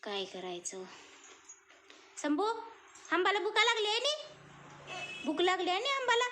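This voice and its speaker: A young woman from Maharashtra, a mother filming her baby near the cows, cooing at him in high sing-song baby talk and murmuring plainer asides to her viewers. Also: wildly swooping pitch, measured pace. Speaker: vlogger mother. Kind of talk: home vlog talking to her baby and viewers. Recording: noisy home phone recording.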